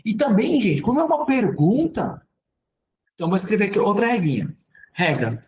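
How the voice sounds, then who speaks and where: A Brazilian man teaching English grammar in Portuguese, explaining step by step in a relaxed, conversational way and often checking in with "ok, gente". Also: high-pitched, moderate pace, slight background noise. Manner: conversational, repeats "ok, gente" and "então". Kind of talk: casual spoken lesson at a board.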